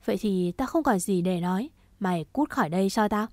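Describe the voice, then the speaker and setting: Một người phụ nữ đọc giọng một chàng trai trẻ cứng rắn, che chở, nói dứt khoát và đầy đe dọa. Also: female voice, medium pitch, animated, brisk, dark tone, no room sound, natural voice. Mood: cold. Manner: firm, clipped and threatening. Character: stern protective young man, cold and resolute.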